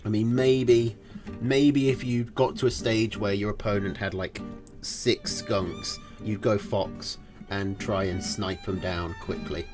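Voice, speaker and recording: A man's voice: fairly low pitch, steady tone, slow pace, few pauses, music in the background. A man casting a live strategy game tournament, casual and analytical, thinking aloud with fillers. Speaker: tournament caster.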